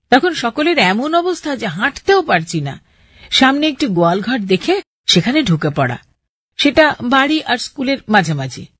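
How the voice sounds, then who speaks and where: A woman radio presenter, reading listeners' letters aloud in a steady, clear voice. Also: fairly high pitch, dry recording, clean studio sound.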